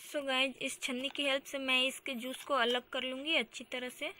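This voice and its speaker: A woman's voice: sits high, flat delivery, moderate pace, bright, forceful tone. A woman hosting a home beauty channel, narrating a do-it-yourself tutorial in a chatty way. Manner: chatty, repeats "so guys". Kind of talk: DIY tutorial voice-over.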